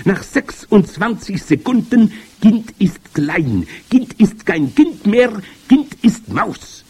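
A man voicing a commanding, evil old witch queen in a storybook reading, with shrill, gloating, theatrical speech. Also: sing-song, takes it slowly, a little mellow, breathy edge, full character voice. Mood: triumphant. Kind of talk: audiobook character voice.

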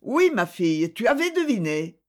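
A reader voicing a proud, sharp-tongued middle-aged woman who gives curt orders, in a French audiobook. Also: mid-range voice, big pitch swings, moderate pace, close to an everyday voice. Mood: haughty. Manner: curt, commanding.

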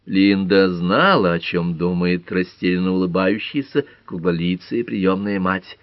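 A man narrating a detective audiobook with an expressive, dramatic reading. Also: sits low, measured pace, no echo. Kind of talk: scripted narration.

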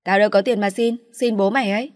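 A woman's voice: mid-range voice, steady tone, fast, dry recording, close to an everyday voice. Brief: woman voicing a harsh middle-aged mother, raised and scolding, dry close sound.

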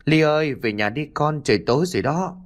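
A man voicing a patient village father who gently coaxes his daughter. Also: mid-range voice, lively intonation, moderate pace, natural voice. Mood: soothing. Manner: soothing, coaxing.

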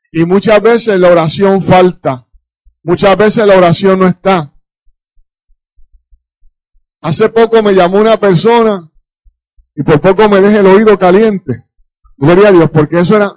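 Male pastor, high voice, fervent sermon full of hallelujahs, dry close sound. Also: no echo. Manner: fervent preaching with frequent hallelujahs. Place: church.

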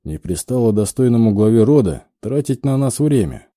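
Grumbling young fighter, read by the narrator, dark and dry. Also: male voice, medium pitch, expressive, normal speed, no room sound, natural voice. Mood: sardonic. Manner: blunt, grumbling. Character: young warrior man, blunt and grumbling.

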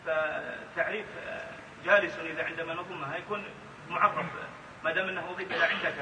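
Hesitant male student answering quietly. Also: fairly high pitch, steady tone, quick pace. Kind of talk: answering a teacher in class. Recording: faint, roomy hall recording with audience noise.

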